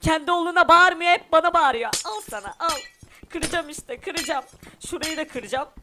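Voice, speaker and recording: A man's voice: extremely high pitch, normal speed, bright, forceful tone, a little hiss or hum, full character voice. A man voicing a hurt, defiant runaway boy in a cartoon game parody, whiny and sulking, talking to viewers. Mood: sulky.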